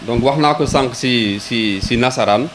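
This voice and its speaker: At a public ceremony, a local government official with a Senegalese accent speaks at medium pitch, a little slow and fairly bright. He hesitates and repeats words often while reaching for the next, mixing Wolof and French. The recording is rough, with a little hiss or hum.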